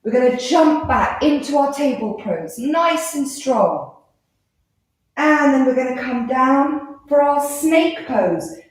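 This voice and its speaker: Woman, kids yoga teacher, encouraging, fairly high voice, strong room echo. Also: animated, a little slow. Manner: gentle, encouraging, playful instructions. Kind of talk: guiding a children's yoga class. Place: live class in an indoor room. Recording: very echoey room.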